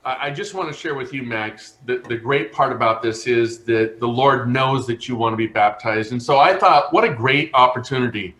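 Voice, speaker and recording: Male pastor, relaxed address to an online congregation, light humor. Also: medium pitch, moderate pace, few pauses. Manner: informal, joking aside to home viewers. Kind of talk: sermon.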